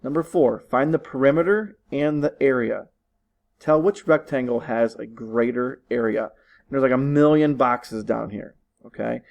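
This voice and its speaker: A man records an online lesson at home in his living room, patiently taking his students through test questions and repeating his instructions. The recording is rough, and his medium-pitched, slightly mellow voice carries vocal fry at a normal pace.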